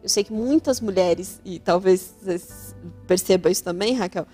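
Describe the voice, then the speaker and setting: A woman's voice: mid-range voice, moderate pace, mellow, slightly rough, soft background music. A woman with a Brazilian Portuguese accent hosting an advice talk show, speaking animatedly and acting out the voices she quotes. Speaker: radio host giving family advice.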